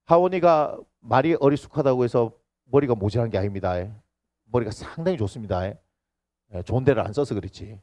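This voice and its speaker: A middle-aged male pastor with a Gyeongsang Korean accent, preaching a lively sermon in a church. He acts out quoted voices and keeps asking the congregation questions. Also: mid-range voice, brisk, no echo. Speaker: senior pastor. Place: church sanctuary.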